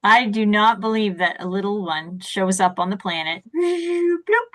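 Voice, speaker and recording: A woman speaking as a success coach in an interview, animated and laughing often, acting out the voices she quotes. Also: medium pitch, normal speed. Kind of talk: interview conversation.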